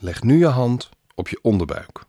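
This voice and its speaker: A man guiding a breathing exercise in a calm manner, counting slowly and trailing off softly. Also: mid-range voice, dry recording, studio quality.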